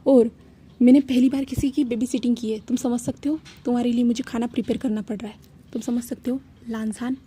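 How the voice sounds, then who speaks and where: A woman reading the lines of a cocky, grudgingly caring rich young man, a bit louder than her narration, with a husky voice. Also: on the high side, steady tone, brisk.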